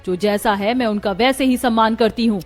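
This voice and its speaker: A woman voicing a proud, outspoken young bride in a cartoon story, talking forcefully. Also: fairly high pitch, a little fast, faint music behind, close to an everyday voice. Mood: indignant. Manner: forceful, indignant.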